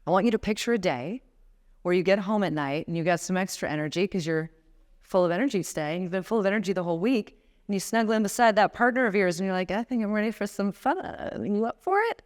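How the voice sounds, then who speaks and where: This thirtysomething woman talks fast in a voice on the low side, giving a live motivational talk as a guest speaker. She presses her points emphatically and climbs to fervent appeals.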